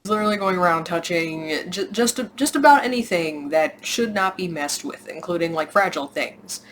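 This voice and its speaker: A woman's voice: on the low side, animated, normal speed, a little hiss or hum. A woman reviewing a film in a sarcastic, exasperated rant, often restarting her sentences. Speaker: movie reviewer. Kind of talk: ranting movie commentary.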